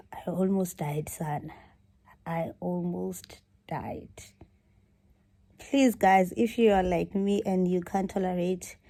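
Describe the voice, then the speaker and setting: A woman's voice: medium pitch, vocal fry, mellow. A South African woman chatting casually to her viewers as a vlogger. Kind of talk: casual vlog chat to viewers.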